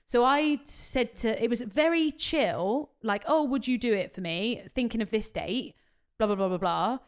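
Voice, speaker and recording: A woman in her thirties with a fairly high voice tells stories in casual podcast chat. She swears freely, laughs often and rambles through her stories. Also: measured pace. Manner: chatty, swearing, laughing storyteller. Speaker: podcast co-host.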